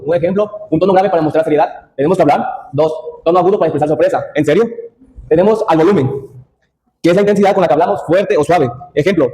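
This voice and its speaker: A young man presents a topic to his classmates, reading from slides and stumbling into restarts. He talks very fast in a mellow, slightly raised voice. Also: fairly high pitch, rough recording. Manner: reads from slides with restarts and asides. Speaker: student presenter.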